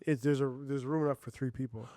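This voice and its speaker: A man's voice: mid-range voice, fairly even intonation, fast talker, mellow, no echo, studio quality. A man co-hosting a casual chat, emphatic and opinionated, a parent of a young child. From Canada. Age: adult parent of a young child. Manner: opinionated, emphatic, spells words out. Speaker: podcast co-host.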